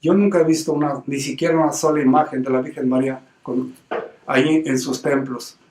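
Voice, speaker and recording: A man's voice: mid-range voice, fairly even intonation, fairly quick, a little mellow, far from the mic. A man with a Mexican accent preaching an informal sermon, earnest and emphatic, stumbling and repeating words as he explains his faith. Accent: Mexican Spanish. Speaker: lay preacher. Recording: roomy sound from away from the mic.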